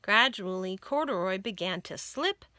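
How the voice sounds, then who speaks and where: A woman reads a children's story aloud in expressive narration, phrasing it deliberately and dramatically. Her pitch is medium, and there is no echo.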